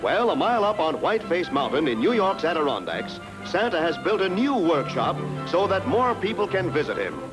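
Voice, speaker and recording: High, lively old newsreel announcer man. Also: moderate pace, hardly any pauses, rough recording. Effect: played from an old 1940s newsreel. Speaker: newsreel narrator. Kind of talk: upbeat newsreel narration addressed to kids. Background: loud music bed.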